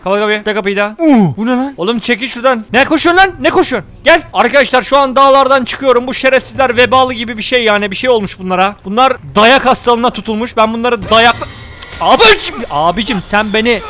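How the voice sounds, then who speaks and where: High, fast-talking joking gamer man. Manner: excitable, joking, swears casually at the game; talks to viewers as friends. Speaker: gaming video host. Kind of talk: comedic let's-play commentary.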